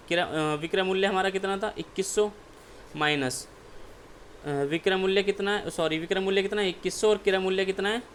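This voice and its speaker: High-voiced man teaching exam maths. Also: fairly bright tone, a little hiss or hum. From India. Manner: keeps asking and answering his own questions, repeats "ठीक है". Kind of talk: step-by-step exam maths lesson.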